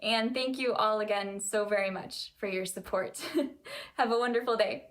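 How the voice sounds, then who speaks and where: A woman voice actress with a mid-range voice gives a sincere, grateful recorded message to fans. She speaks gently, with light laughter between thoughts. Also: mid-range voice, normal speed.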